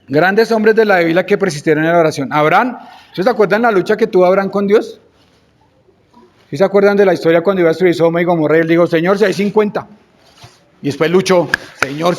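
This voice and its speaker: A man's voice: high-pitched, slight background noise. A man with a Colombian Spanish accent preaching a sermon, exhorting his congregation with rhetorical questions and acting out prayers in quoted voices.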